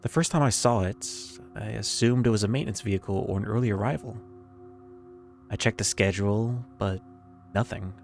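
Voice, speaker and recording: Brief: male horror narrator, lowish voice, creeping suspenseful pacing with pauses, faint music underneath. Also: creaky. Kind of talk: scripted first-person horror narration.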